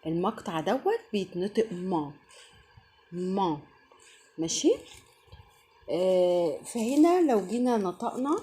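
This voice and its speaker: A woman with an Egyptian Arabic accent gives a pronunciation lesson in a mellow, warm voice. Her pitch rises and falls a lot as she explains. She drills each word slowly and patiently, saying it more than once. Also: a little hiss or hum. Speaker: French teacher. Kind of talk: online language lesson.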